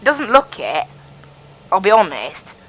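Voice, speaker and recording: A streaming flight sim pilot talks through her airliner flight over a cockpit headset, her medium-pitched voice swinging widely in pitch at a measured pace. The recording is poor with a little hiss or hum, and she chats casually, explaining each step and repeating "I have to be honest."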